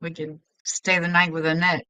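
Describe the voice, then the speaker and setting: A woman's voice: on the low side, flat delivery, normal speed, bright, forceful tone, clear, resonant tone, no room sound, low-quality recording. A woman hosting a casual live stream, chatting in a scattered way and greeting viewers as hun.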